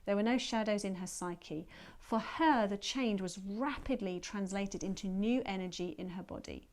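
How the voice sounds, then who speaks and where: A woman therapist calmly explaining to her viewers how she guides a visualisation session. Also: medium pitch. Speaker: therapist and teacher.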